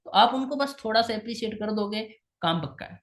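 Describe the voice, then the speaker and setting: A woman gives a coaching talk on making invitations, with a slightly high voice. She repeats her main points and slips English phrases into her talk, in the steady tone of a trainer. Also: brisk, reverberant. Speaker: sales trainer. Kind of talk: instructional talk on invitation skills.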